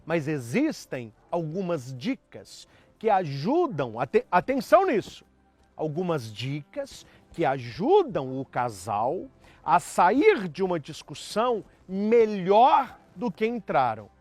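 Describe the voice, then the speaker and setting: A man's voice: sits high, huge pitch swings, slow, no echo, soft background music. A man preaching as a priest, delivering an emphatic sermon with acted-out quotes. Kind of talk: sermon on marriage.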